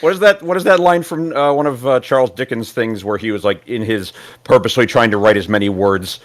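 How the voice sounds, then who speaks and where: A man's voice: medium pitch, fairly quick. A man playing in a tabletop game, chatting casually in a rambling, joking way with fillers. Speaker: player.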